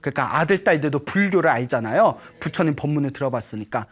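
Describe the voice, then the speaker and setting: A male Buddhist monk preaching to an audience, his pitch swinging widely as he tells a story and acts out its voices. His delivery is playful and humorous, with sudden shifts between loud and soft speech, and he keeps checking in with his listeners. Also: animated, fast, breathy edge. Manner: storytelling with acted quotes, frequent "예?" to the audience. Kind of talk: Dharma talk to an audience.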